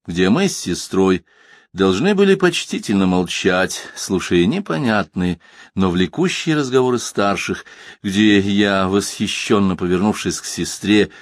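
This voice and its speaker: A man narrating a literary audiobook in a measured, expressive reading voice. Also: low voice, no room sound, studio quality.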